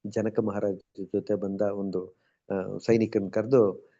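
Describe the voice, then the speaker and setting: A man's voice: fairly low pitch, little pitch movement, takes it slowly, dark tone. A man with a Bengaluru Kannada accent telling stories in a colloquial devotional talk, acting out the people he quotes. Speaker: devotee speaker. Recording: dull lo-fi sound.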